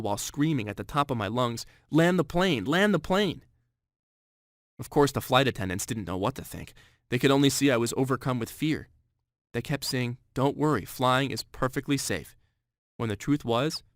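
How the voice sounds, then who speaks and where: A man's voice: medium pitch, no room sound, clean studio sound. A man in his thirties telling a scripted first-person story with earnest, dramatic emphasis. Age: 30s. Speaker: sales narrator.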